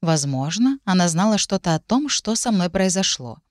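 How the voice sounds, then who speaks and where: A woman reading a first-person story aloud as narrator, in a steady, measured manner into a close microphone. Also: fairly low pitch, no room sound. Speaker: audiobook narrator. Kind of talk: scripted narration.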